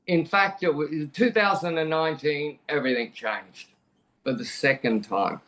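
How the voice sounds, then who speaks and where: Pitched a little high and moving at a normal speed, his voice has a bit of brightness. He's a middle-aged Australian man on a podcast sharing a personal story, plain-spoken and frank, frequently starting sentences over as he chats.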